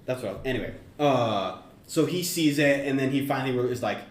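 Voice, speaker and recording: A man co-hosting a podcast, pitching a story idea in a meandering, self-correcting casual chat. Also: fairly quick. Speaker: podcast co-host. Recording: roomy echo, faint background noise.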